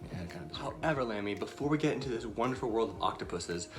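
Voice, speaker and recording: Rapid-fire and very deep-voiced, with lively intonation, a woman leads a casual Bible lesson for young children. She's chatty and bubbly, filling her talk with fillers, against soft background music.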